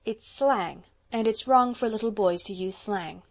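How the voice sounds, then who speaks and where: A woman reading as a soft-spoken young schoolteacher. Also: mid-range voice, measured pace. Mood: sorrowful. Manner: soft, sorrowful, earnest.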